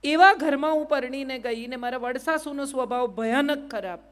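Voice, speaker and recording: A woman's voice: high-pitched, normal speed. A middle-aged woman, giving a motivational talk to a live audience and often asking them to answer yes or no. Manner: questions the crowd and asks them to answer yes or no. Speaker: motivational speaker.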